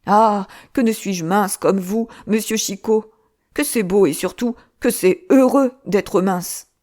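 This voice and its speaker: Lady doing a fat scared monk, loud whiny pleading, stretches out his wails, storybook voice. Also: lowish voice, lightly acted. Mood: lamenting. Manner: lamenting, pleading, drawn-out wails. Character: fat wailing male monk, cowardly.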